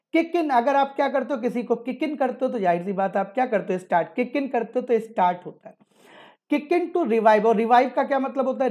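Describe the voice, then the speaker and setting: A man's voice: extremely high pitch, a little mellow. A man teaching English vocabulary, explaining words through memory tricks and repeatedly asking and answering his own questions. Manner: repetitive, drilling phrases over and over. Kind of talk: explaining newspaper vocabulary with mnemonics.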